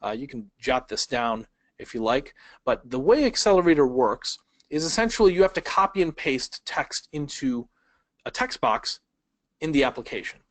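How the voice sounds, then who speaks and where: A man's voice: mid-range voice, sing-song, moderate pace, no room sound, poor audio. Dry-voiced man teaching a webinar. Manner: conversational, asks the audience questions; varies speed and loudness for emphasis. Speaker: speed reading instructor. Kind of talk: webinar lesson. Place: indoors at a laptop.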